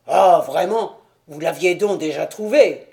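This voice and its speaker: A man's voice: a little high, a little slow, gravelly, dark tone. A man reading the part of a stout, self-assured police detective who speaks in an important, sour tone. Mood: triumphant.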